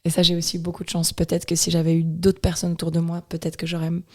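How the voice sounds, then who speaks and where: Lively Swiss French woman telling stories. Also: fairly low pitch, fast. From Switzerland. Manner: animated storytelling with many restarts. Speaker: guest dancer. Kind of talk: casual interview chat.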